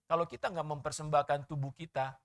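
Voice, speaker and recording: Male pastor, lively sermon delivery with sharp swings in volume, questions his congregation. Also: fairly high pitch, fast talker. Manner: animated preaching with sudden loud and soft swings.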